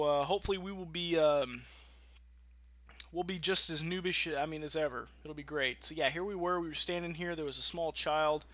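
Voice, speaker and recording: Over game music, a gaming channel host rambles through let's-play commentary in a loose, sweary, informal way. He has a fairly high, fairly bright voice, and the recording is dry.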